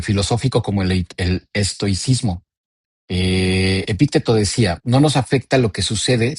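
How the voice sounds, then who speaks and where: A man in his forties with a Mexican accent, speaking in a low voice that has a husky edge. He explains things calmly and patiently, with a dry, close sound and no room echo. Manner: calm, explanatory, personal anecdotes. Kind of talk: talk on emotions.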